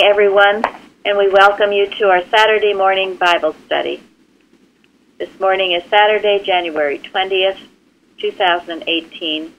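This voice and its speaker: A woman leads a Bible study call, heard over the phone. Her voice sits a little low, and she greets each caller by name in short, friendly phrases. The telephone line sounds dull and narrow, with a faint hiss underneath. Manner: friendly, brief greetings and soft laughs.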